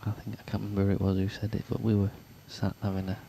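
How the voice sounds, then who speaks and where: A man commentating live on a pool match, with hushed, dry, chatty asides between shots. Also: on the low side, monotone, racing, creaky. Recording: noisy venue background.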